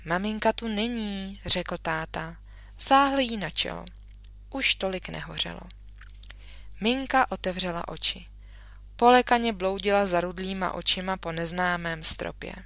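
Woman teacher, gentle storybook reader for kids, bright tone, dry close mic. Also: fairly low pitch, dry recording. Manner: gentle and soft-spoken. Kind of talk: reading a children's book aloud. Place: at home, remote recording.

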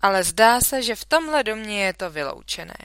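A woman's voice: medium pitch, animated, fairly bright tone, clean tone, no room sound, pitched above the performer's own voice. A woman reading a children's story aloud, voicing an exasperated, blustering father. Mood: weary.

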